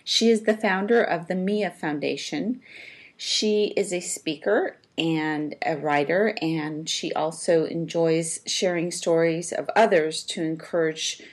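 A woman hosting an interview show, asking gentle, long winding questions. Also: low voice, takes it slowly. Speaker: host.

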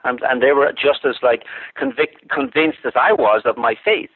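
This talk-show caller from Ireland speaks at normal speed in an expressive, mid-range voice with a breathy edge. He reasons through his views thoughtfully, with many restarts and filler words, over a tinny, dry phone line with no room sound.

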